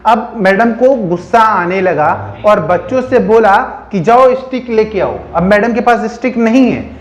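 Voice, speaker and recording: High-voiced male teacher telling a lesson story. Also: measured pace, roomy sound. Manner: asks the listener questions and answers them himself; keeps checking in with "theek hai". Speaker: biology teacher.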